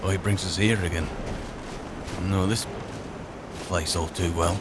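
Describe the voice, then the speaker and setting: A British gamer playing a roleplay character talks wryly, as if muttering to himself, over the game's music and sound effects. He speaks unhurriedly in a low-pitched, steady voice, and there's a lot of noise.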